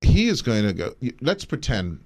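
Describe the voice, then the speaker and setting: A man's voice: medium pitch, moderate pace. Playful Bahamian man co-hosting. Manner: playful, laughing, animated. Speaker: co-host. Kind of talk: casual comic chat.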